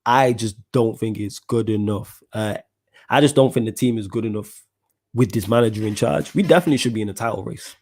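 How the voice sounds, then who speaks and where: With a fairly low, darkish voice and a slightly quick pace, this young Mancunian from Manchester, England chats in slang on his casual football podcast. As host, he responds to comments from viewers.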